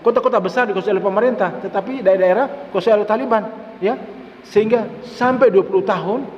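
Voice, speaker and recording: Male preacher with a higher voice, emphatic and repetitive, recorded lo-fi in a reverberant mosque hall. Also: fast talker, darkish tone. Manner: repeats words for emphasis, mixes in Arabic phrases. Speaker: Islamic preacher. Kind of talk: mosque study-session sermon. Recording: echoey mosque hall, dull lo-fi sound.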